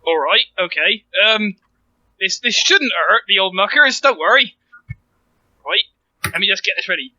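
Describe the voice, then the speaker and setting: A man's voice: high-pitched, animated, normal speed, long pauses, bright, forceful tone, dry recording. A man playing a tabletop roleplaying game, bantering casually in character, on a dull lo-fi recording.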